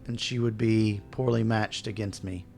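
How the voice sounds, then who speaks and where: A man acts out a calm, courtly nobleman in a tabletop fantasy game. He speaks formally and with assurance in a low voice with a creaky edge. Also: soft background music. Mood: confident. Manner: measured, courtly wording.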